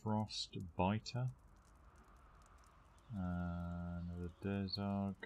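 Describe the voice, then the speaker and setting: A man's voice: deep voice, level tone, extremely slow, a little mellow, slight background noise. A man streaming a game and chatting casually with a friend in a dry, mumbling way. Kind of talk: casual gameplay chat.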